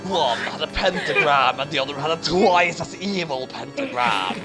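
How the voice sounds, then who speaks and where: With a mid-range voice, lively intonation and a moderate pace, a host gives a comedic dramatic reading of a garbled fan story. The delivery is theatrical and mock-outraged, with music playing in the background.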